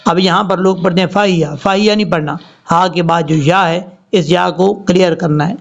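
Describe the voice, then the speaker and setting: High-voiced man teaching Quran recitation. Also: steady tone, creaky. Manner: slow drawn-out recitation between plain explanations. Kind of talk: word-by-word Quran recitation lesson. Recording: dull lo-fi recording.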